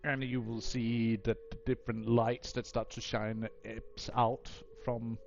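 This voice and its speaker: A man narrating a tabletop game as game master in a descriptive, halting way. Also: medium pitch, flat delivery, vocal fry, soft background music. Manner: descriptive, hesitant with fillers. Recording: dull lo-fi mic.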